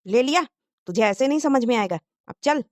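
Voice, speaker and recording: A woman's voice: on the high side, animated, normal speed, background noise, lightly acted. Woman voicing a harsh, scolding young husband. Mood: angry threats. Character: stern young husband, quick to threaten. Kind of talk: Hindi cartoon moral-story dub.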